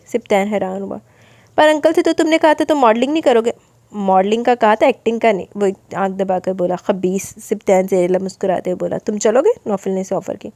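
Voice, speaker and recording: A woman's voice: darkish tone, no echo. A woman reading a romance novel aloud, narrating and voicing the dialogue of each character. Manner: switches pitch for different characters' lines.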